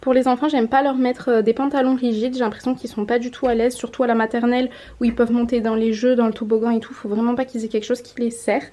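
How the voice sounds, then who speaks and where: Chatty young mom with a mellow voice. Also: female voice, fairly high pitch, little pitch movement, fast, few pauses. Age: 20s. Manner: chatty, self-correcting, showing items to camera. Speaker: mom vlogger. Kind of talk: casual haul vlog. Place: home room by a window.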